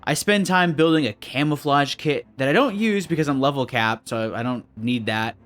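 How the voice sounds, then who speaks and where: A man's voice: mid-range voice, normal speed, a bit bright. Dry, sarcastic male game narrator. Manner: dry, sarcastic, mock-suspicious. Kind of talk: scripted gameplay narration. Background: faint background music.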